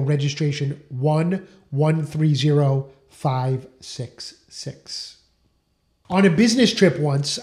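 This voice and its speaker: Man explaining trademark law, slightly high voice. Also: a little mellow. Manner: measured, explanatory, reads registration numbers aloud. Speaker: trademark attorney presenting a lesson. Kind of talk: scripted educational talk.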